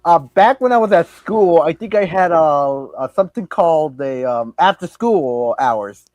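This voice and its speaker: Casting: young male host, light high voice, dry sound, halting and rambly. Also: animated, darkish tone, no room sound, highs cut off. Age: young adult. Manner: rambling, hesitant with many fillers. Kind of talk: casual interview chat.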